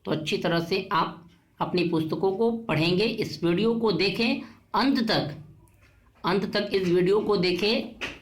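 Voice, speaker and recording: A woman's voice: medium pitch, unhurried. Patient woman teacher reciting word lists. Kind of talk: online class lesson.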